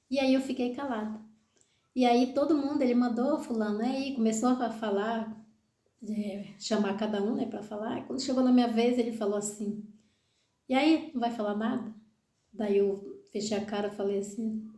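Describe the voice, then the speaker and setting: A woman, a former waitress, telling a story about her old boss to viewers in a casual, indignant and animated way, full of fillers. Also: mid-range voice. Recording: roomy echo.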